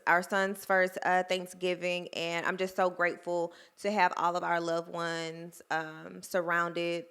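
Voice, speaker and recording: A woman's voice: lowish voice, a bit bright. A young woman, hosting a podcast and talking casually and earnestly, with many fillers. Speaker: podcast host. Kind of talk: casual personal talk.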